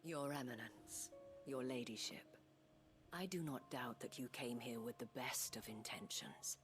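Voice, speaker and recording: An actress playing a composed, diplomatic woman leader in a video game, breathy, gracious and measured. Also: very deep voice. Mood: earnest, diplomatic. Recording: music behind the voice.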